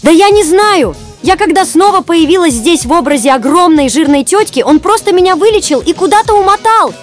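A prickly little cartoon jester girl, played by a woman speaks in a high voice. She is matter-of-fact and a bit tart, with faint music behind her. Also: animated, brisk. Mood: dry. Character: prickly small female cartoon jester toy. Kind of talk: scripted cartoon dialogue.

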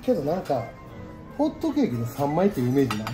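A man's voice: on the high side, huge pitch swings, fast talker, over music. A man with a Kansai Japanese accent chatting casually and enthusiastically over food and wine, often repeating himself for emphasis. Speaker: food review presenter. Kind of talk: casual chat while eating and drinking wine.

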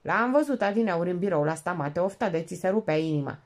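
A woman's voice: fairly low pitch, lively intonation. A woman reading an audiobook, voicing a genial, fatherly older police colonel who talks in a friendly, coaxing way.

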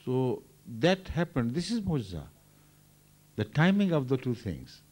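An older man, a religious leader, giving a measured, thoughtful explanation at a microphone during a question session. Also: mid-range voice, very animated, darkish tone. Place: large indoor hall. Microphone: standing microphone.

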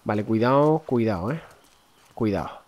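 A man's voice: lowish voice, expressive, normal speed, darkish tone. A man from with a stuffy, nasal voice from a cold, chatting casually to viewers as he plays a game, swearing often. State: congested, nasal voice. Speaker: gameplay streamer. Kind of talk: casual let's-play commentary.

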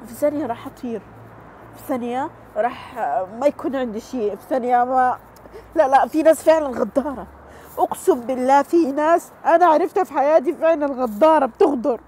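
A woman's voice: high voice, a little mellow, a little hiss or hum. A woman, crying and pleading as she vents on a phone livestream, repeating herself. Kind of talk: emotional livestream venting.

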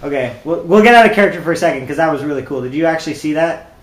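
A man's voice: fairly high pitch, animated, racing, reverberant, rough recording. A young man joking around while playing a video game, silly and playful. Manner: goofy, playful, bursts of shouting. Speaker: gamer.

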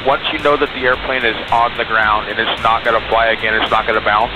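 A man's voice: lowish voice, flat delivery, fast talker, poor audio. A middle-aged man, a pilot over the radio, coaching informally and reassuringly as a flight instructor. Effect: aviation radio. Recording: aviation radio transmission with music behind.

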